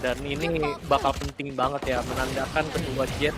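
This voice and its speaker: An esports caster with an Indonesian accent gives excited play-by-play like a fighting game announcer, slangy and sprinkled with English gaming terms. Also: medium pitch, moderate pace, over music. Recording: game gunfire and clicks behind voice. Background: gunfire and clicks from game.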